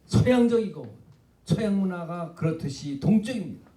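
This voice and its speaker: A man's voice: high voice, moderate pace, far from the mic. Older man lecturing animatedly in an echoey hall. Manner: animated, emphatic, speaks to the audience directly. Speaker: professor giving a public lecture. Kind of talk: literature lecture.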